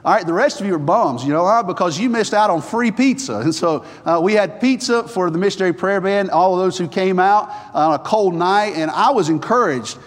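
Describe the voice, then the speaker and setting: Male chapel preacher, Appalachian twang of the hillbilly kind, high-pitched, driven and exhorting, recorded in an echoing hall. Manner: energetic, fast talker; earnest, exhorting. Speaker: preacher at a Bible college chapel. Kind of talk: sermon with announcements and scripture reading. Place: large chapel, preaching to students. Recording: echoey hall with long reverb.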